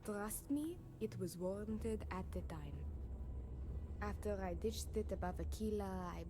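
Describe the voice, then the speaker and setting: A woman's voice: mid-range voice, measured pace, background noise, close to an everyday voice. An actress playing a sickly, guarded young runaway woman from a space colony in video game dialogue. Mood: bitter, anxious. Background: loud background music.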